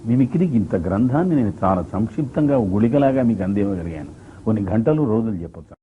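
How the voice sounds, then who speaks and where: Husky-voiced man telling stories, tinny sound. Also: on the low side, fast. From Telangana, India. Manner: animated, slips into quoted voices. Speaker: mimicry artist. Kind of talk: anecdotal storytelling. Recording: tinny phone-like recording.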